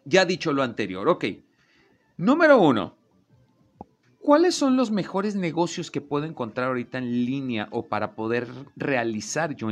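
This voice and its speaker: A man hosts a relaxed talk show. His voice sits at an ordinary middle pitch. He speaks in an animated way and acts out the lines he quotes. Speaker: host. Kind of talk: casual talk show chat.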